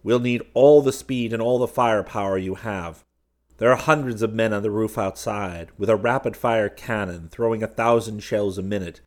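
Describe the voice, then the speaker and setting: A man's voice: fairly low pitch, normal speed, close to an everyday voice. A man voicing a commanding alien warrior prince who gives urgent orders.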